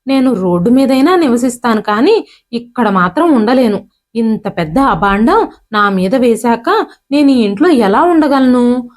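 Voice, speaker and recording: A woman's voice: a little high, animated, unhurried. A woman voicing an elderly grandfather who is hurt and proud, read plainly as part of a spoken storybook.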